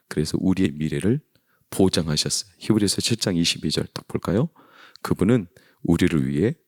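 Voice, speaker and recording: A male senior pastor giving a lively, conversational sermon to young adults, often teasing the congregation. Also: low-pitched, dry recording, clean studio sound. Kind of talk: sermon to a youth service.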